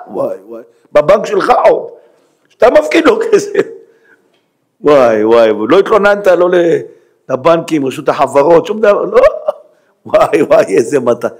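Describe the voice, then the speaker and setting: Dramatic preaching man, hushed to loud. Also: fairly high pitch. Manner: dramatic, swings from hushed near-whisper to loud exclamations; emphatic, rhetorical questions. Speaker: rabbi. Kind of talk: Hebrew sermon.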